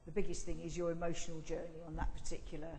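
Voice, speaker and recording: A woman co-presenting informally to a group, halting and conversational, in a reverberant hall. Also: low voice, monotone, gravelly, warm tone, slight background noise. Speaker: co-presenter at a church gathering. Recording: echoey hall with long reverb.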